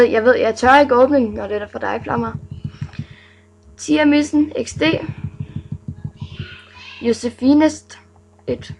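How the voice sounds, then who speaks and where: A woman's voice: high voice, darkish tone, poor audio. A young woman vlogging casually, reading out viewers' names with playful, giggly asides.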